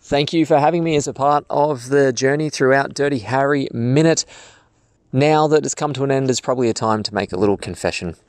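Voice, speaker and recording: A man's voice: mid-range voice, a little fast, no room sound, studio quality. An Australian man recording a casual, jokey, confessional message in a car park. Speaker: guest contributor sending a farewell message. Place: in a parking garage or car park.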